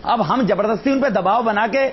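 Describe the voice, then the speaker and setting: A man's voice: sits high, brisk, slightly rough. A man speaking as a party general secretary on a heated TV debate panel, combative and interrupting, repeating his points. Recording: dull lo-fi broadcast audio.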